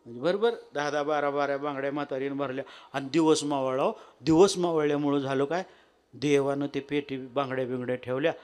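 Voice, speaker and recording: A man's voice: mid-range voice, fairly even intonation, fairly quick, a little mellow. A man with a telling a devotional story as a kirtan preacher, folksy and addressing the audience directly.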